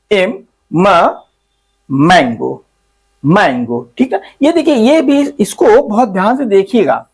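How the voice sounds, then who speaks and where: A male English teacher, slowly going through the alphabet and repeating each letter sound several times. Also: high voice. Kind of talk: spoken English lesson.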